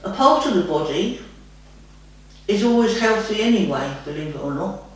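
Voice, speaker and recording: Animated and mid-range at normal speed, this woman's voice comes from a trance medium giving spiritual guidance in an easygoing chat. She rambles homely answers and calls the listener "lovey," and the mic sits far away in a very echoey room.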